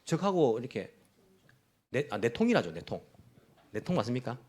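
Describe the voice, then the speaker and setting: A man's voice: medium pitch, normal speed, breathy edge. A middle-aged man, a pastor, preaching a Sunday sermon in a church, acting out mocking voices as he explains. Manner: animated preaching, acts out mocking voices of opponents. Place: church in Tokyo.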